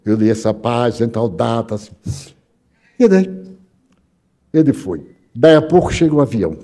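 Older Brazilian man lecturing, mellow voice. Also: medium pitch, normal speed. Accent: Brazilian Portuguese. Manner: animated, acts out dialogue with lively voice shifts. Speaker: spiritist lecturer. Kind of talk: storytelling lecture.

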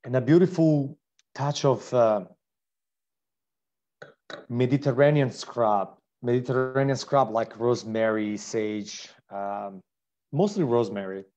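An Italian-accented man hosts an online wine tasting and describes each wine eagerly, with plenty of fillers and restarts. His voice sits at a middle pitch. The stream audio sounds dull and lo-fi. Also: a little slow, long pauses, darkish tone. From Italy.

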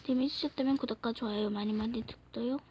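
A woman gaming creator reading a game's story aloud at home, voicing the characters herself and often slipping into soft whispers. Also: a little high, fairly even intonation, fast talker, a little hiss or hum. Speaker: gaming YouTuber. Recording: dull lo-fi recording.

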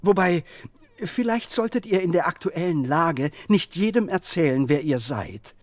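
A man's voice: a little high, animated, unhurried, dry recording. A man voicing a courteous, nervous, gloomy ogre in a video game, speaking politely and theatrically. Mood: courtly.

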